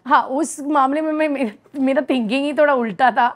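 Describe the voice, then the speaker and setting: In a high voice at normal speed, a woman in her thirties with an Indian accent chats cheerfully during a casual interview. She's an actress and slips between Hindi and English.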